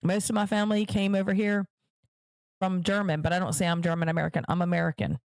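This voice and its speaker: On her own podcast, a woman talks fast and flatly in a fairly low, slightly mellow voice, giving emphatic political commentary addressed directly to viewers and repeating points for emphasis. It's clean studio sound with no room sound.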